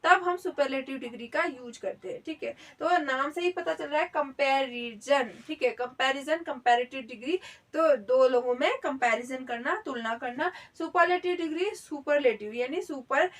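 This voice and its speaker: A woman's voice: sits high, normal speed, fairly bright tone, distant mic. A woman teaching a grammar lesson, explaining step by step and checking in often. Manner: explains step by step, repeats "theek hai" often.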